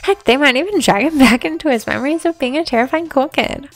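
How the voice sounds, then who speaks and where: A woman plays an eager, naive cartoon cowgirl. The voice is high and gushing, full of exclamation, over music. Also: quick pace.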